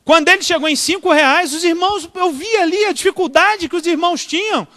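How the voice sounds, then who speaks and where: A man's voice: extremely high pitch, fairly quick, sharp tone. A Brazilian man preaching as a pastor, telling stories animatedly, acting out the dialogue and asking the congregation questions. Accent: Brazilian Portuguese. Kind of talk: storytelling sermon. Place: church. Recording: reverberant church hall.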